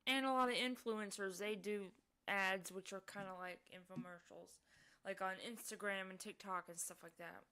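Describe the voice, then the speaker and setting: A woman streamer chatting casually over a video she is watching, amused and quick to laugh. Her voice sits at an ordinary middle pitch for a woman, and she talks in a loose, running commentary. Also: fairly even intonation, sharp tone, clear, resonant tone.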